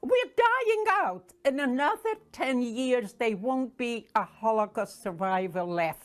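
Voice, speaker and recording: A woman in her eighties giving a halting, emotional interview about her life as a survivor. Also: on the high side, lively intonation. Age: 80s. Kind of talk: documentary interview.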